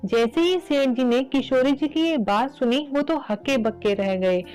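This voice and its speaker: Female host narrating a devotional tale, earnest and direct, higher-pitched, soft music under. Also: a little slow, clean tone, low-quality recording. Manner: earnest, addresses listeners. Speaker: storyteller, channel host.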